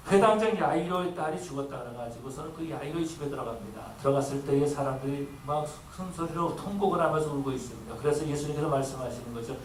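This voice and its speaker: A male pastor delivers an earnest sermon, acting out the voices of the people in his stories. His voice is a little high and fast, with hardly any pauses. The recording picks him up from a distance in an echoey room with faint ambience and a slight hiss or hum.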